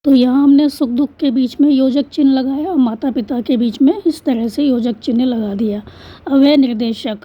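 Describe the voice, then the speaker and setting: A woman teacher with a high, slightly breathy voice talks through a school textbook exercise. She goes step by step, asking questions and answering them herself. The recording sounds muffled and lo-fi. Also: steady tone, moderate pace. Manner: patient, step-by-step, asks and answers her own questions. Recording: dull lo-fi recording.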